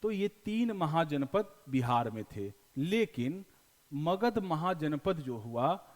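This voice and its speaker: A man with a Bihari accent teaching a class in a slightly high voice. He talks in a folksy way, slips into local dialect, and keeps asking the class questions before answering them himself. The recording has a long, echoing reverb. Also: darkish tone. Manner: explains with repeated questions and answers. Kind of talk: classroom lecture.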